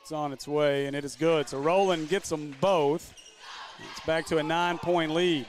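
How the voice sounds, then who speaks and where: A man with a high voice calls basketball play-by-play live from a gym. He runs through the action quickly. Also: steady tone. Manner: quick, running call of the action. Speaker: play-by-play commentator.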